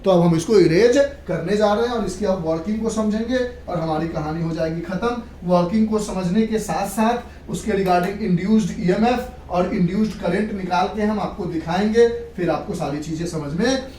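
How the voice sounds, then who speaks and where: A woman with a warm voice on the low side speaks at normal speed, hardly pausing, as she teaches physics to a class. She repeats points, checks whether students understand and includes English terms. The audio is echoey and noisy, recorded from a distant mic.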